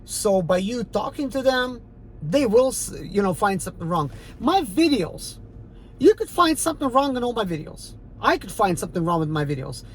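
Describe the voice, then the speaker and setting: A Ukrainian rideshare driver, originally from the former Soviet Union, speaks to his channel audience in an Eastern European accent with a mid-range, sing-song voice at normal speed. His casual monologue is defiant, emphatic, and rambling, packed with fillers. The audio is poor, with slight background noise.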